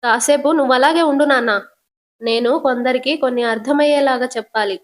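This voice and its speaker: In this storybook-style retelling, a female narrator voices a harsh, authoritative father in middle age, lifting her pitch slightly above her usual. He hammers his questions and holds his ground. She speaks briskly, in something close to her everyday voice.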